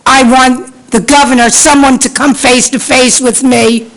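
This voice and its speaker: An indignant woman in her sixties speaks slowly and deliberately at a council meeting's public comment. Her voice sits a little high, and she keeps pressing the same questions again and again, pleading for an answer. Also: steady tone, rough recording. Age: 60s. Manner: indignant, pleading, repeats demands. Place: council chamber.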